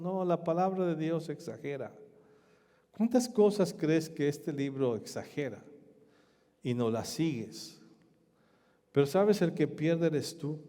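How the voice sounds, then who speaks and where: A man preaching a sermon as pastor, emphatic, with rhetorical questions and swings between loud and soft. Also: mid-range voice, big-room sound.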